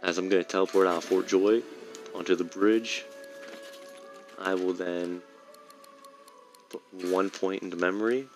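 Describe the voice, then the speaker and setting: A man's voice: deep voice, fairly even intonation, a little slow, pauses often, faint music behind. A man giving casual, rambling commentary while playing a game, often correcting himself mid-sentence. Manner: rambling, self-correcting explanations. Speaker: gameplay streamer.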